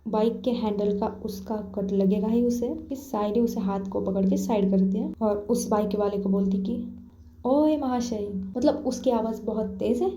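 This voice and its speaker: A woman's voice: mid-range voice, steady tone, moderate pace, few pauses, mellow, reverberant, a little hiss or hum. A woman narrating a story in a casual spoken style, voicing the characters' lines herself. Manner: voices the characters' dialogue herself.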